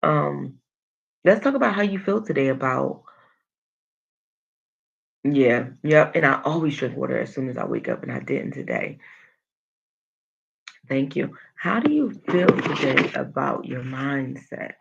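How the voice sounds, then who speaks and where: A woman's voice: rumbling low, very animated, unhurried, vocal fry, pauses often, breathy edge, lo-fi sound. A woman hosting a motivational livestream, coaching listeners and responding to comments, with an emphatic manner that leans on repeated phrases. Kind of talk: motivational livestream talk, reading and answering comments.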